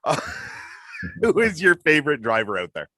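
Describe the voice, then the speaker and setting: A man's voice: fairly high pitch, wildly swooping pitch, normal speed, pushed and bright, no room sound. A man hosting a casual streaming interview, asking long rambling questions in a friendly way. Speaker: podcast host.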